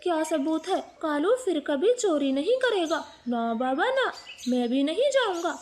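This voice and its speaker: A woman voicing a suspicious male parrot in a cartoon who flatly refuses to help. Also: sits high, measured pace.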